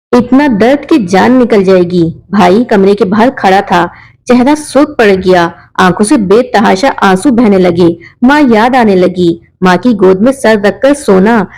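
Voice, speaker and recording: Woman, Pakistani Urdu accent, scripted dramatic narration, emotional, mournful, mid pitch. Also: darkish tone, poor audio. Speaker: storyteller.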